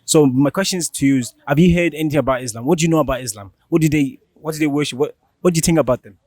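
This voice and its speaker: Fast-talking male street interviewer. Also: on the high side, darkish tone, dry recording. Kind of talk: casual interview.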